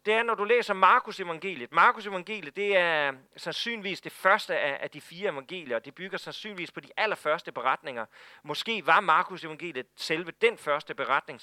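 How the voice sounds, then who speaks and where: A male pastor preaching a sermon, telling the story in an animated way with frequent stammered repeats. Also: high voice, no room sound.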